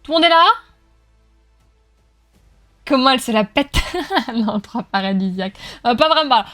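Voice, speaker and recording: A woman with a high voice hosts a livestream from home, joking with viewers and cheering the racers on. Faint game music plays beneath her. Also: animated, normal speed, a bit bright. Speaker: streamer. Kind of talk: live-stream chat with viewers while racing.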